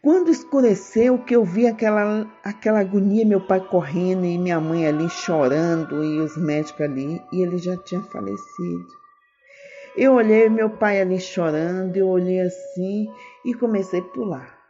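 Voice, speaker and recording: Woman preacher, fervent testimony, mellow voice, muffled recording with soft music under it. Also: normal speed. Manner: fervent, repeats phrases, voice climbs high when moved. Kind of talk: emotional testimony and sermon. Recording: dull lo-fi recording with faint music.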